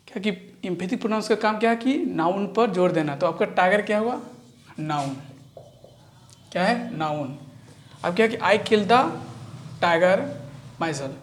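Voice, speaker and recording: A woman's voice: lowish voice, slight background noise. A woman teaching English grammar in a classroom style, repeating each point and answering her own questions. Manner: repetitive, answers own questions, drawn-out words.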